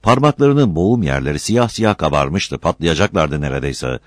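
A man narrating a novel in steady audiobook narration. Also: rumbling low, normal speed, no room sound, clean studio sound. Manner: steady storytelling.

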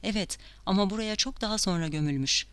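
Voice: mid-range voice, fast, clean tone, no room sound, natural voice. A reader doing a tense, urgent young woman. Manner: tense, insistent.

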